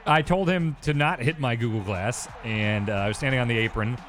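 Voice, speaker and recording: A man's voice: mid-range voice, brisk, a bit bright, soft background music. A man chatting casually over a video game, telling anecdotes with hedging asides.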